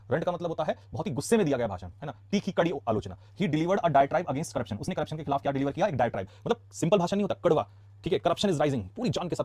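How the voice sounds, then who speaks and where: A man with an Indian accent teaching English vocabulary in a casual classroom style, asking quick questions and answering them himself. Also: on the high side, a little mellow, slightly rough, no echo. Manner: rapid, chatty, asks quick questions then answers them. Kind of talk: casual classroom lesson explaining words.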